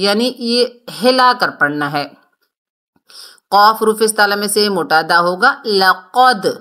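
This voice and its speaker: A woman teaches Quran recitation, alternating between Urdu explanation and slow, carefully stretched Arabic recitation. She repeats each word several times to show correct pronunciation. Her voice is bright and forward, at an ordinary pitch. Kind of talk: tajweed lesson explaining and reciting verses.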